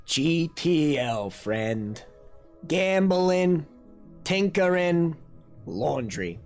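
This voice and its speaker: A man talking through a morphing voice changer that shifts his pitch, hamming it up as a greedy goblin merchant on a casual stream. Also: very animated, drawn-out words, soft background music, heavily acted. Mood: hammy.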